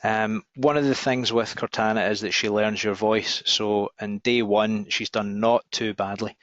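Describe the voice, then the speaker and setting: Glaswegian man, flat and low-pitched. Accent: Glaswegian Scottish. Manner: hesitant, halting delivery with frequent ums. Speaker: software demo presenter. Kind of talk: informal screen demo narration. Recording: dull, roomy lo-fi recording.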